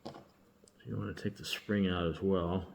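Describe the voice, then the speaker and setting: A man with a fairly low voice walks through a hands-on locksmith demo. He talks in a relaxed, halting way, pausing and restarting as he works with his hands. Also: creaky, a little hiss or hum. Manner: relaxed, halting, thinks aloud while working. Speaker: locksmith demonstrating key making. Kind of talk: casual hands-on demonstration.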